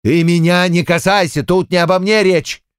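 A man's voice: sits high, fairly even intonation, moderate pace, clean tone, no room sound, lightly acted. Man as stern party secretary, curt, commanding, dry close voice. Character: stern middle-aged male party secretary.

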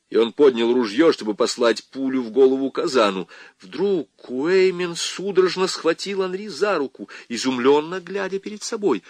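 A man narrating an audiobook in an expressive, dramatic storytelling manner. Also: medium pitch, no echo.

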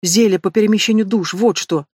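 A woman's voice: a little fast, a little mellow, husky, no room sound, studio quality, natural voice. A woman voicing a spiteful young female student who shrieks insults at her rival. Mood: bitter. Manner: shrill, hissing insults.

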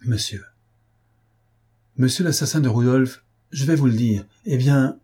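A man voicing a halting, stubborn old witness. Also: medium pitch, dark tone, slightly rough. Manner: hesitant, halting, repeating himself.

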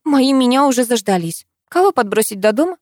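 A woman voicing a level-headed young female friend who talks in a brisk, matter-of-fact way, in an audiobook. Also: on the high side, lively intonation, a little mellow, dry recording, clean studio sound, voice pushed up.

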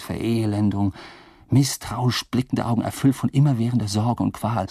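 An actor in a radio drama speaking a wry, rambling, drunkenly philosophical first-person monologue in a gravelly, husky voice. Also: male voice, on the low side, dark tone, dry recording, clean studio sound. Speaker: narrator and protagonist.

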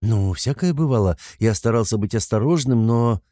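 A man's voice: on the low side, lively intonation, moderate pace, dark tone, no room sound, clean studio sound, close to an everyday voice. A man voicing a nervous, defensive young man who is someone's adult son, in an audiobook. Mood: flustered. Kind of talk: audiobook character voice.

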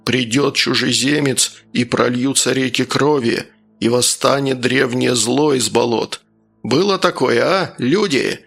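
A man voicing an angry, bullying village man who grumbles and shouts. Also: mid-range voice, unhurried, creaky, breathy edge, soft background music, heavily acted. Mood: grim. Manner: aggressive, grumbling, raised voice.

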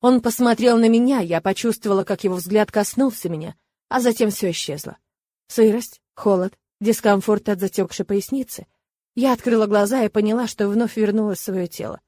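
Woman reading a fantasy audiobook, expressive, dry close sound. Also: medium pitch, moderate pace, dry recording. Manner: expressive, lively storytelling. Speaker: audiobook narrator. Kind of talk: first-person fantasy narration.

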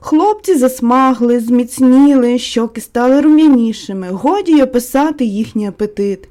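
A woman narrating a classic novel as an audiobook in a calm, measured storytelling voice. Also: on the high side.

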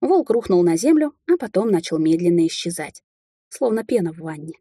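A woman with a warm, mellow voice carrying a slight husk, narrating a fantasy novel in the first person. Her storytelling is lively and emotional, and the recording sounds dry and close. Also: lowish voice, brisk, breathy edge, dry recording. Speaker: audiobook narrator.

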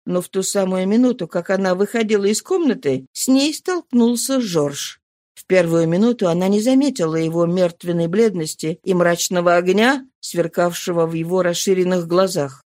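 A woman narrating a novel as an audiobook in an expressive, measured way. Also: lowish voice, no room sound, studio quality.

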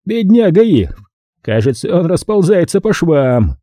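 Man doing a hoarse, bellowing studio boss. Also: on the high side, sing-song, moderate pace, no room sound, voice pushed up. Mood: gloating. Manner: shouts and gloats. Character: blustering loud middle-aged male studio boss.

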